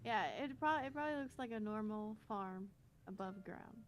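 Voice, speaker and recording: A woman's voice: mid-range voice, normal speed. A woman chatting casually as a player in a tabletop role-playing game.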